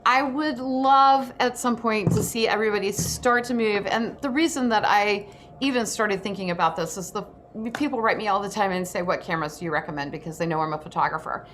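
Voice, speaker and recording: Brisk and fairly bright in tone, this woman's mid-range voice carries an informal, chatty, emphatic presentation at a casual indoor workshop. She serves as host and photographer, with noticeable background noise in the audio.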